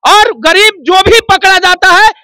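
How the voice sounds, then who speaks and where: A man, ranting at a very high pitch with a sharp, bright edge. He talks loud and accusing, and the sound is dry and close. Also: steady tone, unhurried, dry recording. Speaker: member of the public interviewed. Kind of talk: impassioned street interview rant.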